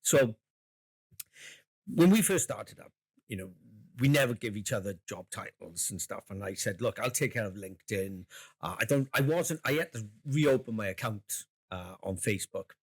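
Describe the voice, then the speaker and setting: A man's voice: on the low side, expressive, moderate pace, slightly rough. A man co-hosting a podcast in casual chat, rambling and jokey, laughing often and swearing casually. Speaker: podcast co-host.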